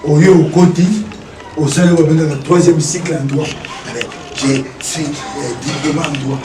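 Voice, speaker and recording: A man's voice: fairly high pitch, steady tone, moderate pace, music in the background. Emphatic man, echoey and distant. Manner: emphatic, repeats phrases, rhetorical questions. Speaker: interview guest. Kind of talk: animated interview talk, mixing French and Lingala.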